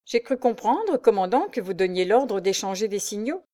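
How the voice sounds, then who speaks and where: A woman voicing a calm, polite young male nobleman who answers evenly and courteously in a read-aloud story. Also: medium pitch, moderate pace, natural voice. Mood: composed.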